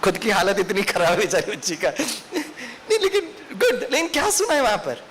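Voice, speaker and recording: A man's voice: sits high, sing-song, moderate pace, a bit bright. A man with an Indian accent giving a lecture to teachers in training, telling a story and putting questions to his audience. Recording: faint hiss.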